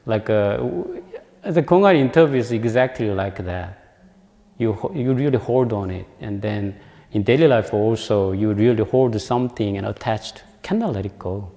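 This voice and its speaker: A man's voice: lowish voice, moderate pace, dark tone. A man giving a dharma talk, hesitant and searching for words, often laughing. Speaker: meditation practitioner giving a talk. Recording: long hall reverb.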